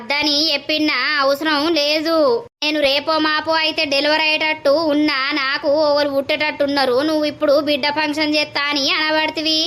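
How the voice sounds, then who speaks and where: A woman voicing a harsh, pregnant village stepmother in an animated drama, speaking with a Telangana Telugu accent in a sharp, scolding manner. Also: sits high, a little fast.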